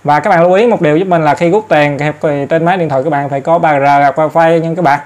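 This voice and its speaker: A man's voice: on the high side, steady tone, fast talker, a little mellow. A man giving a casual step-by-step phone tutorial, chatty and full of fillers, speaking straight to his viewers. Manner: chatty, repeats filler words, addresses viewers often. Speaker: tutorial host. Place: in front of an ATM for part.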